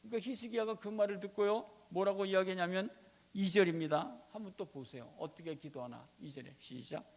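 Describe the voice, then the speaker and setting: A man's voice: high-pitched, fairly quick. A male pastor preaching a sermon, emphatic, often asking the congregation rhetorical questions. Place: church sanctuary. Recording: reverberant church sanctuary.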